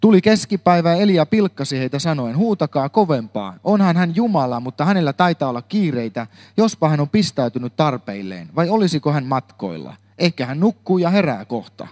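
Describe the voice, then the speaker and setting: A man's voice: a little high, a little mellow. A man giving a Bible talk, reading a long scripture passage aloud with occasional slips and self-corrections. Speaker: preacher.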